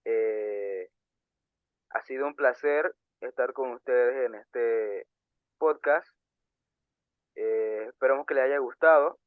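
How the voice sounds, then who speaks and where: A young man co-hosting a casual podcast, earnest and halting, with many fillers and restarts. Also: mid-range voice, clear, resonant tone, dry recording. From Panama. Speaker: podcast co-host. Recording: tinny phone-like sound.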